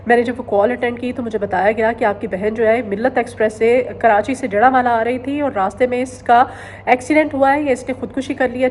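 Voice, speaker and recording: Female news commentator from Pakistan, pitched a little high, earnest, hesitant fillers, repeats phrases for emphasis, faint noise underneath. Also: a little mellow. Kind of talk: current-affairs news commentary.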